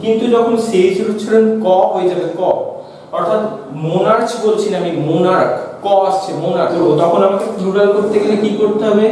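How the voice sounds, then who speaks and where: High-voiced teacher, echoey and distant. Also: male voice, fairly even intonation, fast talker, mellow, a little hiss or hum. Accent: Bengali. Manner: questions the students and answers himself. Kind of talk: classroom grammar lesson. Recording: echoey room from far off.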